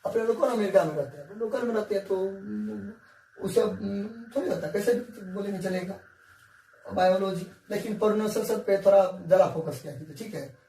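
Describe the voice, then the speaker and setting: A male teacher speaks fairly quickly in a high-sitting, dark voice with vocal fry during a whiteboard science lesson. He coaxes the class, repeats things, and often checks comprehension; the room echoes, the mic is distant, and there's faint hiss.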